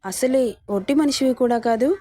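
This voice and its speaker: A woman's voice: high voice, fairly quick, mellow, no echo, soft background music. A woman voicing a scheming, lustful man who preys on his sister-in-law, in a coaxing, leering manner, in a dry storybook reading.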